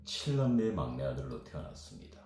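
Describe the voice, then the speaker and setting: Deep-voiced man in his fifties. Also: a little fast. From South Korea. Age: 50s. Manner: rambling, animated storytelling. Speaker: guest. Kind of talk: storytelling chat. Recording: very echoey room with music behind.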